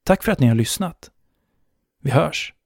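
Gravelly Swedish-podcast storyteller man. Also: fairly high pitch, animated, no room sound, clean studio sound. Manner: measured dramatic storytelling. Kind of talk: scripted story narration.

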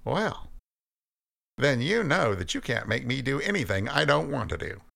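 Reading a storybook, a narrator voices a bitter, defiant young man, sulky and bristling with sarcasm, who won't back down. The heavily acted voice sits high with wild, sing-song swings and a gravelly edge, bright and forceful at normal speed. He sounds skeptical and mocking, heated and insistent.

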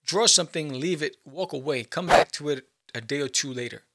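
A playful host talks straight to his viewers with a gravelly edge and a bright, pointed tone. His voice sits a little high for a man. He keeps his audience close with constant little checks like "right?". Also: brisk. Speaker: podcast host and comic artist. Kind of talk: casual solo talk to viewers.

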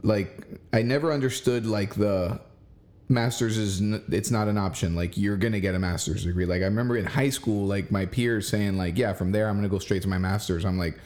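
A man's voice: on the low side, steady tone, brisk, a little mellow. A man in his forties in casual chat, encouraging and emphatic, speaking straight to the listener. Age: 40s.

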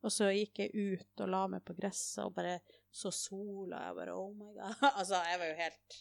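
Woman, casual chat, animated storytelling, dry close sound. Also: medium pitch, creaky, no echo. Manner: animated storytelling, switches to English when quoting herself.

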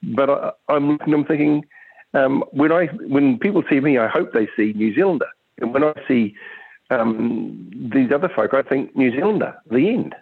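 A tinny, narrow phone line carries a man calling in to talk radio. He airs his opinions casually at a middling pitch, in halting but emphatic phrases. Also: expressive, creaky, no echo. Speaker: phone-in caller. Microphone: telephone.

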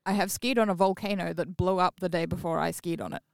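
A woman's voice: fairly low pitch, steady tone, quick pace, gravelly, dry recording, clean studio sound. A young woman chatting casually with friends during a party game and taking the lead on whose turn it is.

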